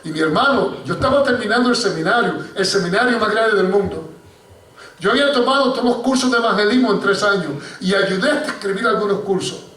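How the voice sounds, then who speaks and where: A man with a high voice preaches an animated sermon in a church hall, narrating a story and repeatedly addressing his listeners as "hermano." The recording is echoey and distant, with a little hiss or hum.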